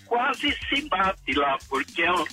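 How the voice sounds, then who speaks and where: A man's voice: high voice, very animated, takes it slowly, pushed and bright, breathy edge, soft background music. A man calling in by phone to a radio show, complaining in an indignant, insistent way. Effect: heard over the phone. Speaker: radio call-in listener.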